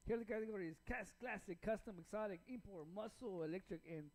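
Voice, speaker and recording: A man's voice: sits high, quick pace. A man announcing auction lots, listing details in a clipped way.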